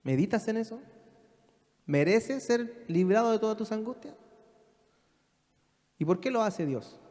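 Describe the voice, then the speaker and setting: Pastor preaching in an echoing church. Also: male voice, high-pitched, animated, unhurried, a little mellow. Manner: emphatic, rhetorical questions to the congregation. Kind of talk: sermon. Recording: long reverb of a church hall.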